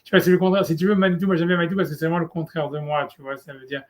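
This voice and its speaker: A man's voice: on the high side, little pitch movement, rapid-fire. Casual, hesitant male rabbi teaching. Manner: casual, hesitant, many fillers and "tu vois"; mixes Hebrew terms into French. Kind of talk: informal one-on-one Torah lesson.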